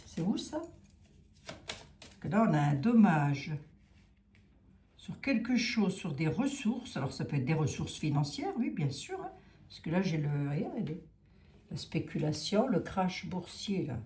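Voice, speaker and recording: A woman with a Lorraine French accent reads tarot in a casual, musing way, her pitch rising and falling a lot as she thinks aloud. Her voice is mellow and fairly low, and the room gives it a noticeable echo. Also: big pitch swings, unhurried, long pauses. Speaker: tarot reader. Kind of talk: casual tarot reading livestream.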